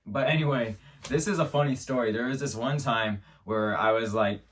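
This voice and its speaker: As host of his show, a man tells an absurd comic story, rambling in a mock-serious manner and faltering over restarts in this comedic monologue. His medium-pitched voice is a bit bright at normal speed, and he is far from the mic.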